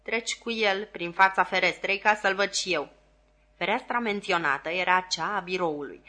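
Bright-voiced woman reading an audiobook. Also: medium pitch. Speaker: audiobook reader. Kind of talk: scripted narration.

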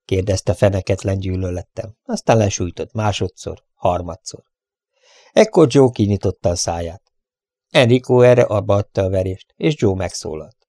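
A man narrating an adventure story in a steady, measured reading voice. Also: sits low, no echo, studio quality. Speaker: audiobook reader.

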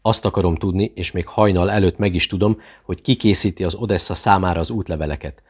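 A hard, threatening interrogator leans in close with hissed demands, as a man reads him out. The voice sits low and stays cold. It belongs to a tense audiobook thriller. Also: husky. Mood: menacing. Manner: menacing, hissing threats.

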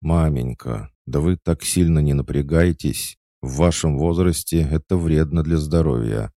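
A man's voice: a bass voice, unhurried, dark tone, no echo, clean studio sound, voice pushed up. A man voicing a cheeky, sarcastic young witch in an audiobook, teasing and mocking. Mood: needling. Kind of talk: audiobook character voice.

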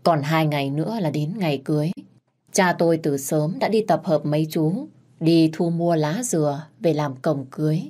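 Lively storyteller: young woman, fairly low voice, first-person narration. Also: moderate pace.

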